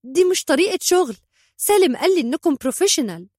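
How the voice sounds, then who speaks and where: A woman voicing a frantic, frightened wife, shrill and pleading. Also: expressive, quick pace, darkish tone, no echo, studio quality. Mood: panicked. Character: frantic frightened woman wanting husband dead.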